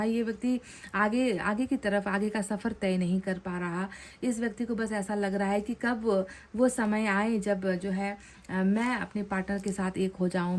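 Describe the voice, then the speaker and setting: A woman giving a pick-a-card tarot reading to her viewers. She talks in an earnest, chatty way, often ends phrases with a tag question, and repeats her points in new words. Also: medium pitch.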